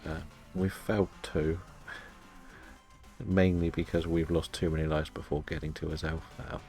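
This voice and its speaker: Low-voiced, low-key male game streamer. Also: flat delivery, moderate pace, a little mellow, soft background music. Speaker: live-streaming gamer. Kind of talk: casual game stream commentary, chatting with viewers.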